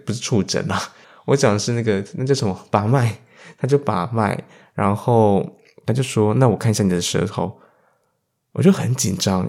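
Chatty Taiwanese Mandarin man, lowish voice. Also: darkish tone. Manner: chatty, self-mocking, acts out quoted dialogue. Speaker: podcast host. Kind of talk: casual storytelling monologue.

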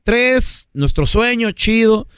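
A man's voice: sits high, lively intonation, slow, a bit bright, clean tone, dry recording, clean studio sound. A man with a Mexican accent hosting a comedy radio show, telling a story in a playful, slangy way.

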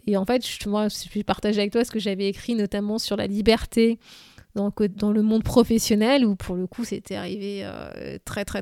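A woman's voice: mid-range voice, darkish tone, no room sound, studio quality. A woman hosting a solo podcast, walking the listener step by step through a self-coaching exercise in a methodical way, with fillers along the way. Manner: methodical, addresses listener informally, frequent fillers. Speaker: podcast host.

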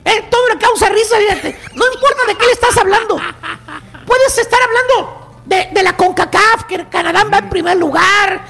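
A man with a Mexican accent hosting a comedy radio show, mocking and rowdy, often breaking into shouts. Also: very high-pitched, normal speed.

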